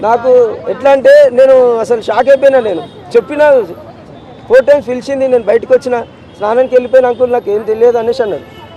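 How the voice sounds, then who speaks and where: A man's voice: very high-pitched, quick pace, mellow, highs cut off, a faint crowd. A grieving father with a Telangana accent speaking in a street interview, insistent and repetitive as he pleads for justice. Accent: Telangana Telugu. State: distraught with grief.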